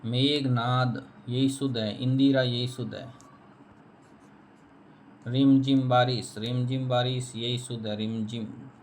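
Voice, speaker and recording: A man's voice: medium pitch, steady tone, slow pace, a little hiss or hum. A man teaching a spelling lesson, repeating each word and answering his own questions. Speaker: Hindi teacher.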